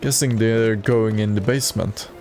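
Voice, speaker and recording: A man's voice: lowish voice, fairly even intonation, moderate pace, a little mellow, soft background music. A man streaming a video game and reading its dialogue aloud in a plain way, with occasional stumbles.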